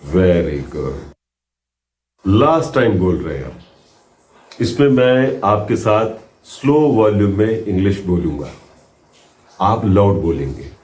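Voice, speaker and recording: Slow, low-voiced man teaching spoken drills. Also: animated, darkish tone, roomy sound. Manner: slow, drawn-out drill prompts with counted pauses. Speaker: English speaking teacher. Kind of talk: spoken English drill lesson.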